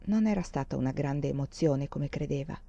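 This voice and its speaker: A woman reading a novel aloud in a measured, expressive narration, close to the mic. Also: deep voice, gravelly, lo-fi sound. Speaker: audiobook reader.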